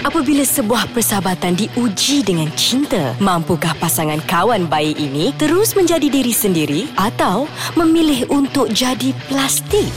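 Casting: crisp Malaysian female announcer, lively voice over clear music. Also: on the high side, normal speed, hardly any pauses. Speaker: radio announcer. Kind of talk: scripted announcement.

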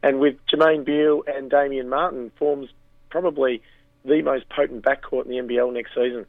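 A man with an Australian accent and a croaky voice, giving analysis as a basketball guest in a radio interview. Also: medium pitch, fairly even intonation, moderate pace, no room sound, phone-quality sound. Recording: band-limited radio line.

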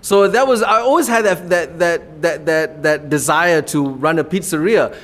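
A man's voice: on the high side, normal speed, a bit bright. A man with a Malaysian accent, a comedy club owner telling his story in an interview, earnest and rambling, laughing now and then.

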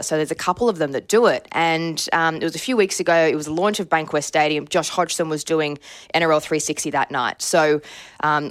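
A woman's voice: low-pitched, dry recording, studio quality. An Australian woman, a sports reporter, telling chatty, enthusiastic stories about players. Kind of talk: casual sports chat.

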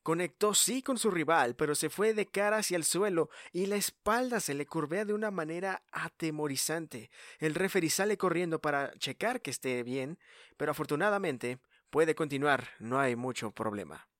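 A man narrating a wrestling match as a commentator, in a dramatic, excitable manner. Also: on the high side, normal speed, dry recording, studio quality. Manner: dramatic, building to excited calls.

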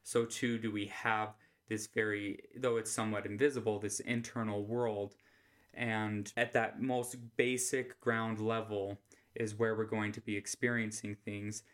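An American man giving an informal religious lesson in a soft, quiet voice, with a flat monotone manner. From Utah, United States. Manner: flat monotone, speaking low without inflection. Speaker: host of a scripture study podcast. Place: quiet room at home.

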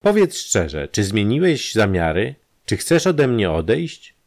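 A proud, wealthy woman with a sharp, ironic tongue, put on by a male narrator in an audiobook story. The voice is pushed up above his own low register and swings widely in pitch. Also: very animated, slow pace, exaggerated voice. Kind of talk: audiobook character reading.

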